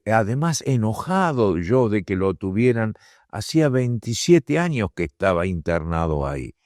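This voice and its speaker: An older man, a guest telling a long personal anecdote and acting out the quoted dialogue between pauses. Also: mid-range voice, vocal fry, a little mellow, no room sound, clean studio sound. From Argentina. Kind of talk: reflective anecdote storytelling.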